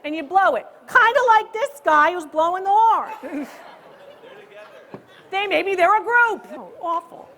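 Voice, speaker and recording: A woman who appraises antiques and hosts a comedy show, teasing and ribbing her audience loudly and playfully on a live stage. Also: very high voice, animated, unhurried, pauses often, a faint crowd. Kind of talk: live stand-up style crowd banter.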